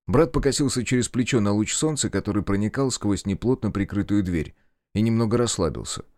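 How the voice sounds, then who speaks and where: A man reading a gritty first-person audiobook, narrating with lively delivery and voicing the dialogue, sometimes breaking into shouts. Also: fairly low pitch, fairly quick, no echo, clean studio sound.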